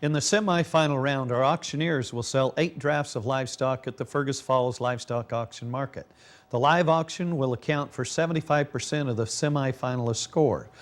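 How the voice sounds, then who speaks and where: A man gives presenter-style commentary on a contest. His voice sits at a middle pitch as he introduces and assesses competitors. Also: normal speed.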